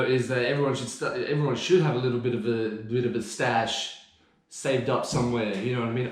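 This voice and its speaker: A man chats casually on a podcast, rambling from point to point and swearing freely. His voice sits at an ordinary middle pitch, with a strong echo from the room around him. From Australia. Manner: swearing, laid-back, rambling. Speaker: podcast co-host. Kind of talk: casual chat.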